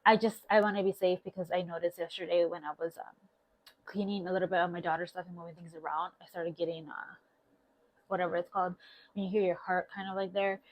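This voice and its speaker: A woman's voice: fairly low pitch, steady tone, fast talker, rough recording. A woman in her thirties chatting informally to viewers in a meandering way, as a stay-at-home mom vlogger on a clip-on mic. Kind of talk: casual vlog chat to viewers. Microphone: clip-on lapel mic.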